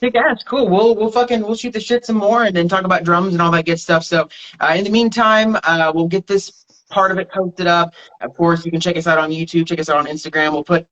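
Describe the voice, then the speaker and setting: A man's voice: sits high, steady tone, brisk, a bit bright, dull audio. A man hosting a casual interview, easygoing and swearing lightly while he plugs the show. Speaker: podcast host.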